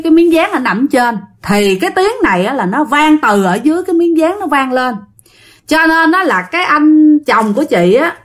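A woman with a Southern Vietnamese accent telling a ghost story in a casual, chatty way, often turning to her listeners, with dramatic rises and drops in her voice. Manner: dramatic swings in pitch and loudness.

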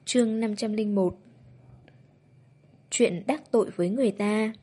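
Audiobook narrator, female, mellow and a bit breathy, steady novel reading. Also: mid-range voice, unhurried.

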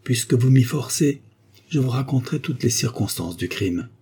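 Male narrator playing an imperious old-novel duchess: commanding, cold, solemn, pitched up. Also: animated, moderate pace, a little mellow, husky. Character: imperious cold-hearted noble duchess, woman. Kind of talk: audiobook character voice.

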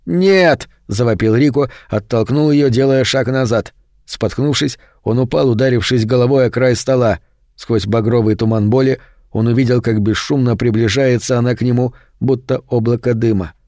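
A man narrating a horror audiobook in a steady, measured way. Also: medium pitch, dry recording, clean studio sound. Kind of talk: scripted narration.

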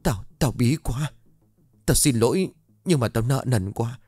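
A man's voice: mid-range voice, lively intonation, a little slow, a little mellow, husky, no echo. A man voicing a guilt-ridden young man who stammers and pleads. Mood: panicked.

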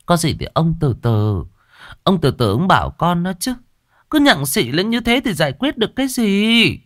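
A coaxing village wife, put on by a male narrator, her voice lifted high and lively as she soothes her husband. The dry, close storytelling sound keeps every word near. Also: moderate pace, dry recording. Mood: pleading. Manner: pleading, coaxing.

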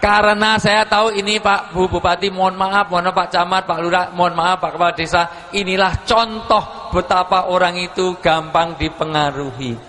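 A man's voice: sits high, fairly even intonation, normal speed, pushed and bright, in a large hall. A man with a Javanese accent preaching to a crowd, joking and teasing them with call-and-response as he mixes Indonesian and Javanese. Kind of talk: lively religious lecture to a village crowd. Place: large venue with live audience, amplified PA.

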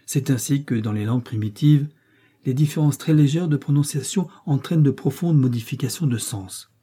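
A man reads an adventure novel aloud in a measured, expressive way. His voice is very dark and noticeably husky. His pitch sits at a middling level for a man. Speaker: audiobook narrator. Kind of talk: scripted narration of an adventure novel.

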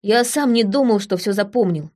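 A woman voicing a hurt young village man who confesses haltingly and repeats himself. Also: mid-range voice, darkish tone, natural voice. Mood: confessing.

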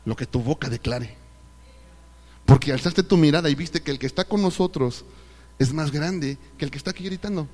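A man's voice: a little high, normal speed, darkish tone. A man with a Mexican Spanish accent preaching a sermon at a church service, asking rhetorical questions and acting out the voices of the people he quotes. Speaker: pastor. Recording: live recording with long hall reverb.

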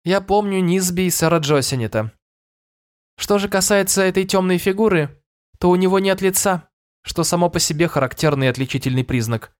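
A man's voice: high voice, fairly quick, pitched above the performer's own voice, natural voice. A man voicing a nonchalant fairy woman who speaks in a cool, offhand way.

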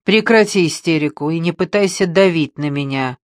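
A man playing a bitter, short-tempered man who shouts in anger. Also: a little high, moderate pace, no echo, studio quality, close to an everyday voice. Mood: angry. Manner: loud, shouting, gruff.

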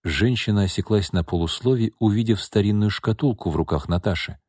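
A male audiobook narrator reading in a measured, even manner with a low, husky voice. The recording is dry and close, with no room sound. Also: dry recording. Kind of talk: scripted narration.

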